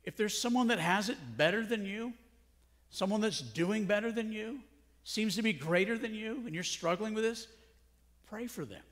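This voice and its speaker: A man's voice: high voice, normal speed, a bit bright. A middle-aged male pastor preaching a sermon in a conversational way, full of rhetorical questions. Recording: long hall reverb.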